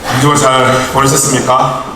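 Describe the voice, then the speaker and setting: A man's voice: medium pitch, completely flat delivery, moderate pace, noisy background. A man in his thirties who ministers to young adults, giving a conversational sermon and telling family stories with light humor in a church hall. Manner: chatty storytelling with light humor. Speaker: youth ministry evangelist. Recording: echoey church hall from far off.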